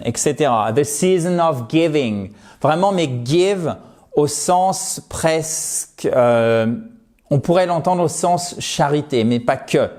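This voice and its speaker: A man teaching an English lesson, explaining slowly and repeating each word to model its pronunciation. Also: a little high, dark tone. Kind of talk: online language lesson.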